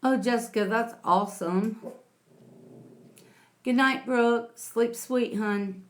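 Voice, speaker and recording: A woman hosting a casual livestream, chatting with viewers and calling them sweetie and honey. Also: a little high. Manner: slow, homey, calls viewers sweetie and honey. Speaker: livestream host reading chat.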